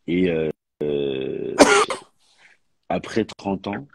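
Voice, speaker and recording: A man's voice: rumbling low, lively intonation, drawn-out words, vocal fry, no echo. A man chatting on a live stream, telling stories with frequent restarts. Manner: storytelling, repetitive restarts. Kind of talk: casual chat.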